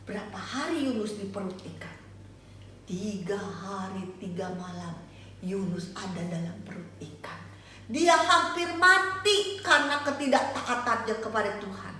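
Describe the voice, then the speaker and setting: A woman's voice: medium pitch, measured pace, pushed and bright, slight background noise. An older woman teaching Sunday school, telling a Bible story animatedly, asking the children questions and singing snippets. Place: church hall. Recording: echoey church hall, from far off.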